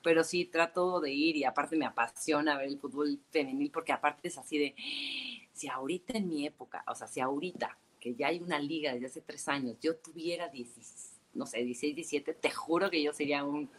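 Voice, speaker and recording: A woman with a Mexican accent, chatting as a guest in an interview and telling animated stories full of fillers, heard over a phone call. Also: low voice, a little fast. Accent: Mexican Spanish. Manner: animated storyteller, many fillers like "este" and "o sea". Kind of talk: casual interview chat.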